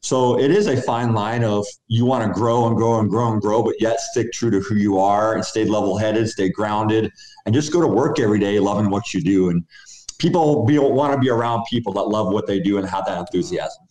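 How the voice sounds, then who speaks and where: A man's voice: lowish voice, brisk, a little mellow. A man, a basketball coach, answering interview questions in an upbeat, rambling way over a video call. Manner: upbeat, rambling, restarts sentences. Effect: heard over a video call. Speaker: basketball coach and club program director. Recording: roomy video call audio.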